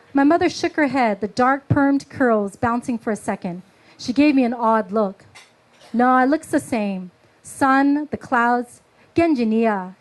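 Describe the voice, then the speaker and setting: A woman author slowly reading her own prose at a book launch, after a halting, filler-filled introduction. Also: fairly high pitch, darkish tone, poor audio. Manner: halting, filler-heavy speech between readings; slow, measured literary reading.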